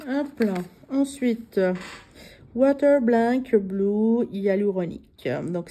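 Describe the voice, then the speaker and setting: A young adult woman vlogging casually as she unboxes beauty products, reading labels out haltingly with many fillers. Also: medium pitch, mellow.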